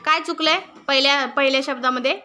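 A woman teaching a classroom lesson, her voice high and very bright. She is middle-aged and keeps turning to the pupils with questions. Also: fairly even intonation, fast, a little hiss or hum. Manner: asks pupils questions and waits for answers.

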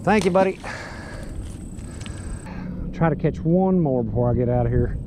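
A man's voice: a little high, lively intonation, moderate pace. A young man with a Kentucky accent, talking to himself and his viewers while fishing from a pond bank, recorded on a head-mounted camera. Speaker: fishing vlogger. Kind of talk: casual running commentary. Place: outdoors at a grassy pond bank. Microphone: head-mounted action camera. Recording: outdoor wind noise.

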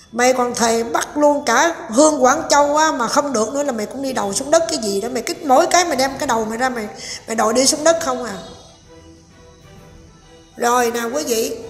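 Sarcastic, scolding woman. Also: a little high. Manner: sarcastic, scolding, addresses viewers directly. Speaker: online commentator. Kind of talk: scolding commentary vlog. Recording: echoey room with long reverb and faint music.

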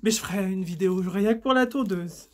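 A woman, chatting in a casual unboxing haul vlog; excitable, swearing often and stumbling over her words. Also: mid-range voice, fairly quick. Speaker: vlogger.

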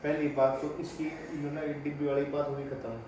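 A man's voice: a little high, fairly even intonation, brisk. Patient father in an echoey room. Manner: patient, coaxing, explains point by point. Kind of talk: family home video. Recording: echoey room, far from mic, noisy.

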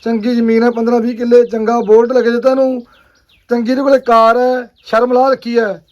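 A man playing an angry Punjabi villager, loud and blustering, repeating his commands urgently in a heated village skit. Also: very high voice, flat delivery, a little fast, muffled recording. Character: angry, agitated Punjabi villager confronting young drug users.

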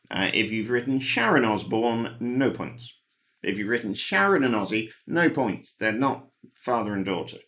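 A man's voice: on the low side, fairly bright tone. A man hosting a pub quiz, reading out the answers with dry, wry asides. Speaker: quiz host. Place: home, recorded alone.

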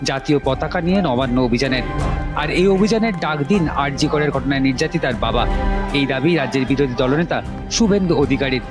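A man reading a scripted news voice-over in a measured, formal way. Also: medium pitch. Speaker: news narrator. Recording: voice-over over music bed.

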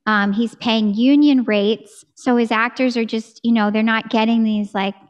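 A woman's voice: on the high side, fairly even intonation, normal speed, clear, resonant tone, dull audio. An American woman singer in her thirties, chatting enthusiastically in a video-call interview from a room at home on a studio mic. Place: home room with curtain backdrop. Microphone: studio mic on a boom arm.

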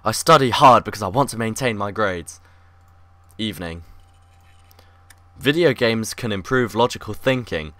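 A man's voice: on the low side, expressive, normal speed, pauses often, fairly bright tone, no room sound. A man doing let's-play commentary, reading game text aloud with sarcastic jokey asides. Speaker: gaming YouTuber.

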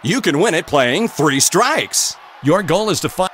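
Very animated game show host. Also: male voice, on the high side, a little slow, a little hiss or hum. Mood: upbeat. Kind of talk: scripted game show hosting. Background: game show music.

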